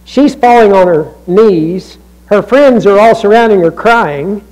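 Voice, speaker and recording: A man gives a church sermon as pastor, unhurried and conversational, restarting and drifting into asides. He rises to emphatic peaks and drops to almost a hush, all captured on poor audio.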